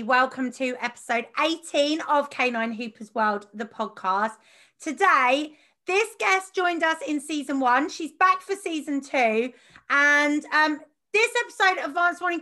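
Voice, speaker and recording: A woman hosting a podcast in casual chat, talkative and quick to laugh, with plenty of fillers. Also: sits high, bright, forceful tone. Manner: chatty, laughs often, many fillers. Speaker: podcast host.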